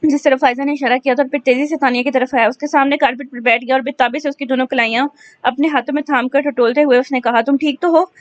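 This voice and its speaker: Woman audiobook narrator, high voice, steady reading; dull lo-fi sound. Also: quick pace, dry recording. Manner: steady storytelling with small slips. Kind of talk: reading a romance novel aloud. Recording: dull lo-fi recording.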